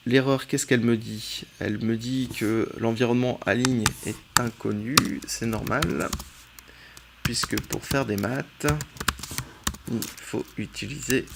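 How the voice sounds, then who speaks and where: A man from France teaching a relaxed screen-recorded coding tutorial, thinking aloud as he types and often pausing on "euh". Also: medium pitch, creaky, noisy background.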